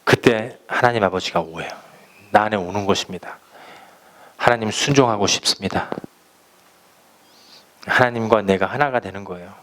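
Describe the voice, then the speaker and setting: A man preaching a sermon as pastor, speaking slowly and emphatically, and acting out little stories for his listeners. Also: lowish voice, a bit bright. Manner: emphatic preaching, slow deliberate phrasing, acting out anecdotes.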